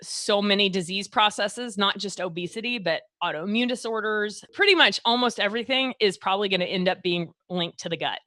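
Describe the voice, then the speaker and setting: A woman's voice: medium pitch, fairly quick, few pauses, pushed and bright, no room sound. A woman with a Texas accent hosting a health podcast, chatty and loose, full of fillers and restarts. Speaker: podcast host, doctor. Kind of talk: casual podcast chat.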